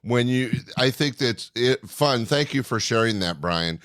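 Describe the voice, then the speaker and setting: A man's voice: mid-range voice, lively intonation, measured pace, a bit bright, no echo, studio quality. A man hosting an interview conversationally, reflecting on and summing up what his guest has said. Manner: reflective, summarizes the guest's points. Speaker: interview show host.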